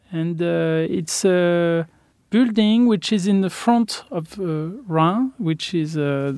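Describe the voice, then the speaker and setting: A man's voice: sits high, a little mellow, smooth, dry recording, clean studio sound. A man with a French accent, an architect answering interview questions and searching for his words in English.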